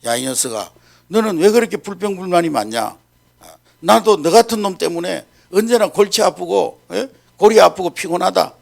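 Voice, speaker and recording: A male preacher voicing God as a weary, fatherly deity who scolds gruffly and speaks grandly. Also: high voice, lively intonation, moderate pace, heavily acted. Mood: scolding.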